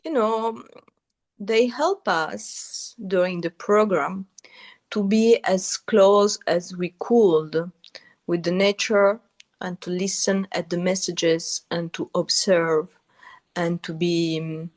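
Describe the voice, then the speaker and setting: A woman with a mix of Italian and French accent, a podcast guest answering questions in a relaxed interview, searching for words and often restarting her sentences. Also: fairly low pitch, slow. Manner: searching for words, many restarts, laughs easily. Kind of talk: casual interview conversation.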